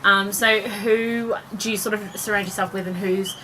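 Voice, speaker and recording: A woman's voice: medium pitch, fairly even intonation, normal speed. A woman hosting a radio interview, friendly and upbeat, with plenty of "um"s. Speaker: radio show host, interviewer. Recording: clear background noise.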